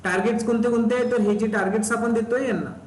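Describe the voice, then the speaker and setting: A man's voice: very high-pitched, steady tone, quick pace. A man teaching a live technical class, often asking students questions and repeating key terms. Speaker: instructor. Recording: roomy echo, faint background noise.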